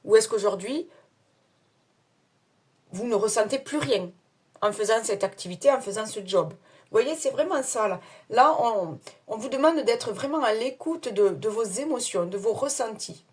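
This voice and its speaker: A woman's voice: fairly high pitch, animated, normal speed, breathy edge. Chatty French-speaking woman reading tarot. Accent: non-standard French accent. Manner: chatty, hesitant with many fillers, laughs at herself. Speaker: tarot card reader. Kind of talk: casual tarot reading to camera.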